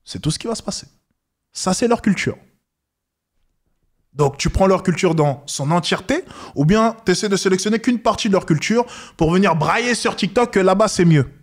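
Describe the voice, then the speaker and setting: A man's voice: expressive, normal speed. A man giving scornful reaction commentary, lecturing and mocking the people in the clip. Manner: mocks others with high squeaky voices.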